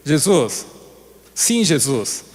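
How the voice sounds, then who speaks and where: A preacher voicing a sheepish disciple Peter. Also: male voice, a little high, big pitch swings, extremely slow, heavily acted. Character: Peter, earnest hesitant adult male disciple. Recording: long reverb of a hall.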